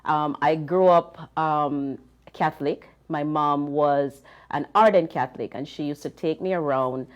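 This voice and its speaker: A woman's voice: sits low, unhurried, muffled recording. A Jamaican woman speaking as a panelist in casual talk, with frequent ums.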